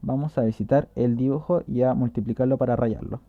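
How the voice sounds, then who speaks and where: A man's voice: medium pitch, fairly even intonation, fairly quick, no room sound, narrow, tinny audio. A man explaining a tutorial in a casual way, walking through a drawing step by step and correcting himself as he goes.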